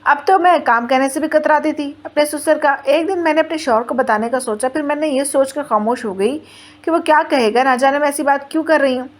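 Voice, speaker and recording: A woman's voice: high voice, fairly quick. A woman in her twenties narrating a first-person family story in a plain storytelling way, voicing the quoted lines in her own voice. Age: 20s.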